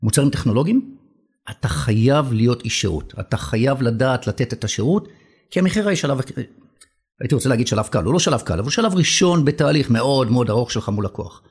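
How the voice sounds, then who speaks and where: A man's voice: medium pitch, lively intonation, breathy edge. A middle-aged man with an Israeli accent talks in a conversational business interview, emphatic and repeating phrases for weight. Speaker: company country manager, interview guest.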